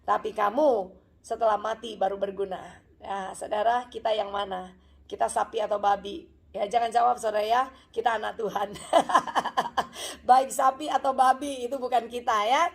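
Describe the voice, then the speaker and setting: A woman's voice: a little high, steady tone, normal speed, gravelly. A woman pastor giving a chatty, story-filled sermon at a church service, with frequent asides to the congregation.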